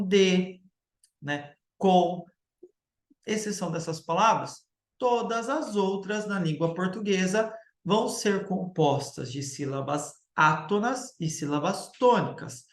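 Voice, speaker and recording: A male teacher giving a recorded grammar lecture, explaining step by step and checking in with the class through quick tag questions. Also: sits high, a bit bright, echoey room.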